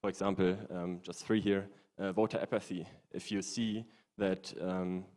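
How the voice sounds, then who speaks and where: A man with a low voice gives an informal technical talk on stage. He is halting and often searches for words. Long reverb from the hall trails his speech. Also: level tone, darkish tone. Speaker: conference speaker, stand-in presenter. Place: conference stage in a large hall.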